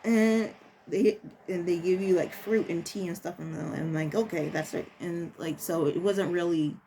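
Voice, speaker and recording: A woman who works as a preschool teacher, telling a personal story in a casual, halting way as she searches for words. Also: lowish voice, fairly even intonation, warm tone, a little hiss or hum.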